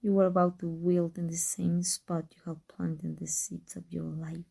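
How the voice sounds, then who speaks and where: In an intense ASMR roleplay monologue, a woman plays a bitter villain who is secretly in love with her rival. Her lowish voice is husky and breathy, often sinking to a whisper, with a level, dark tone at a moderate pace. The mood is tender and hurting.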